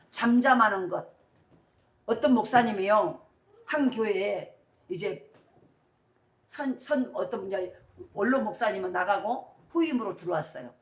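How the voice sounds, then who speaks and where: A middle-aged woman, the senior pastor, delivers an animated sermon in a church sanctuary, firing call-and-response questions at the congregation. Her voice sits on the high side. The mic is fairly far off, so the recording carries the echo of a roomy church hall.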